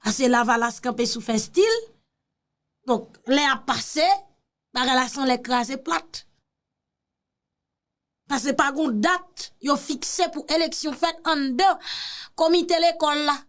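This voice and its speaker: High-pitched teasing Haitian woman. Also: measured pace, long pauses. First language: Haitian Creole. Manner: teasing, interjecting, mixing Creole with French. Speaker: commentator reacting to a political speech. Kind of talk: casual mocking commentary.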